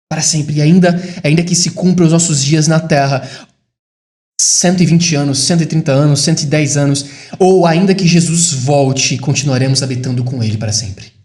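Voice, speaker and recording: Pregador brasileiro de voz aguda, em sala com eco. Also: male voice, roomy sound. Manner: rises to emphatic high declarations, drops to quiet reflective asides. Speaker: preacher. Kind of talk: sermon.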